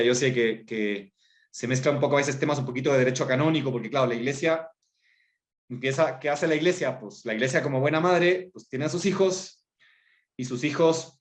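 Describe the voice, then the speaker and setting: Podcast guest, man, reflective and wordy, roomy echo, mid pitch. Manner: thoughtful, many filler tags and self-corrections. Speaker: guest speaker on vocations.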